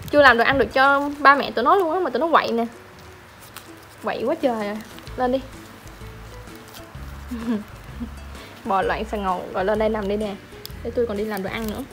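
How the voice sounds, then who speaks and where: A woman's voice: a little high, a bit bright. A woman, chatting casually at home to viewers and fussing over her puppies in a doting voice. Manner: doting, chatty, talks baby talk to puppies. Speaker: pet vlogger. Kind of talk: casual vlog narration.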